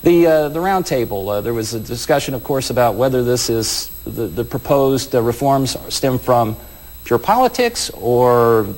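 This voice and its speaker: A man's voice: medium pitch, big pitch swings, moderate pace, a little mellow. A man with a scratchy voice, hosting and moderating a public affairs roundtable with conversational follow-up questions. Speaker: public affairs show host.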